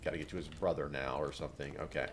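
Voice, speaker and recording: A man's voice: a bass voice, steady tone, fast talker, slight background noise. A man hosting a let's play, giving rambling, chatty gameplay commentary with lots of filler words.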